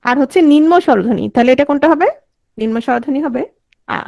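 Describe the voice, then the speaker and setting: A woman's voice: high-pitched, quick pace, creaky, a little mellow. A woman teaching a class, sounding out vowels and quizzing her students. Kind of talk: online class lecture.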